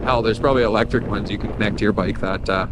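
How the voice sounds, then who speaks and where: A man's voice: fairly low pitch, fairly even intonation. A man vlogging casually from inside a helmet as he rides a motorcycle, talking in an off-the-cuff, chatty way. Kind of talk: casual riding vlog chat. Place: outdoors on a moving motorcycle. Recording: loud wind and engine noise. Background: motorcycle engine and rushing wind.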